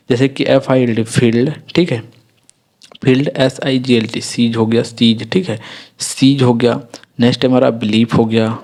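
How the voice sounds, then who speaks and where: A man teaching English pronunciation rules in a slow, repetitive classroom manner, checking in often with his students. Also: medium pitch, darkish tone. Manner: repetitive, explains step by step with frequent "ठीक है". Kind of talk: Hindi-medium phonics lesson.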